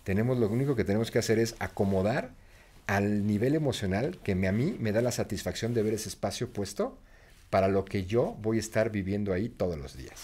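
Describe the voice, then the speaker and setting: Mexican man, lowish voice, reflective guest who spurs listeners on. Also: lively intonation, a little fast, darkish tone, breathy edge. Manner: reflective, encouraging, urges listeners to act. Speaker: guest speaker. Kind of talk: casual conversation.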